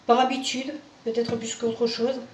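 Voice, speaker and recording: Here the Spanish-accented cooking host talks unhurriedly, her slightly high voice showing little pitch movement. Chatty and casual, she cooks at home while adding "hein" and "voilà" again and again and restarting words. A pan sizzles in a roomy, distant-sounding kitchen with faint background noise.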